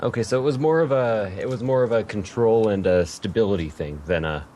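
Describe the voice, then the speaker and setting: A man with a low voice hosts a podcast interview. He talks casually and wanders a little, correcting himself as he goes. A faint hiss sits behind him. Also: fairly quick, dark tone. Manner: rambling, self-correcting, light laughter. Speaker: podcast host.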